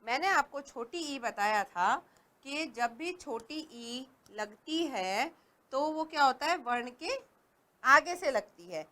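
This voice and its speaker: A woman teaching a reading lesson to young children, patient and stressing each word clearly. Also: high-pitched, lively intonation, slow pace, pushed and bright.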